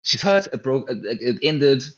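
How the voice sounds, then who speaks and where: A man's voice: mid-range voice, expressive, normal speed. A young man from South Africa co-hosting a casual reality TV review chat, chatty and playful, full of fillers. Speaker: co-host of a reality TV review show. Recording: dull lo-fi sound.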